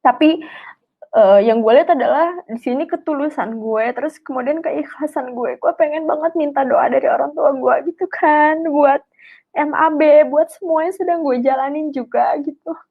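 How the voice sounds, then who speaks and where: A woman's voice: sits high, normal speed, narrow, tinny audio. A young woman, telling a personal story in a chatty, heartfelt way on a live stream. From Indonesia. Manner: chatty, emotional testimony with slang and fillers. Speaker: speaker sharing a personal story.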